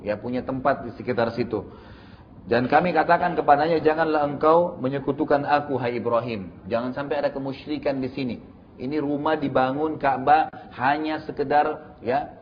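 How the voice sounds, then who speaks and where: A man's voice: medium pitch, muffled recording, slight background noise. A middle-aged man gives a religious lecture in a conversational style, often adding tag questions and speaking straight to his listeners. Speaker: Islamic preacher.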